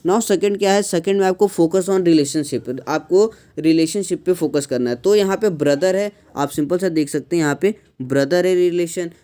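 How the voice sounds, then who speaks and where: A man explains an English lesson step by step, pausing often and mixing English phrases into his speech. His voice sits a little high but sounds mellow and relaxed. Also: clean tone. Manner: mixes English phrases into Hindi, slows to model sentence stress; frequent pauses with "uh" and "thik hai". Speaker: English teacher.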